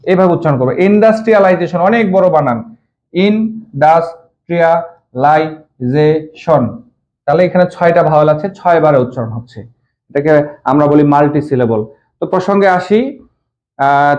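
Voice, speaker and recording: A man from Bangladesh teaching an English lesson, his voice sitting high for a man. He breaks each sentence into words, gives their meanings and repeats them, asking his students questions as he goes. The recording sounds dull and lo-fi. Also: a little mellow. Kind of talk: classroom lesson explaining English text in Bengali.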